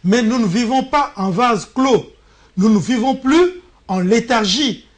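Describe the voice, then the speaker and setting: A man weighs his words carefully as a panel journalist. His commentary is formal and deliberate, with small stammers as he starts each point. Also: very high voice, animated. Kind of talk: measured political commentary.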